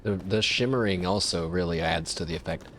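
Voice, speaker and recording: Low-voiced man chatting over gameplay. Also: brisk, a bit bright, slight background noise. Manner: chatty, jokey, self-mocking. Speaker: gameplay commentator. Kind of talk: casual let's-play commentary.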